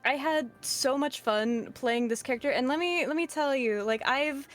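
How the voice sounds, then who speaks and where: A woman voice actor chatting casually as a livestream guest, excitable and self-deprecating. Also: sits high, normal speed, soft background music.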